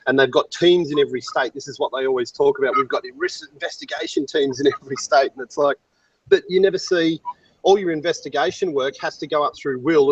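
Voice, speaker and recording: A man's voice: medium pitch, slightly rough, no echo. Blunt Australian man on a lo-fi call. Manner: blunt, swears freely, animated storytelling. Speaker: yowie researcher and group admin. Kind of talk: casual online hangout chat. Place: airport departure lounge. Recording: lo-fi call audio.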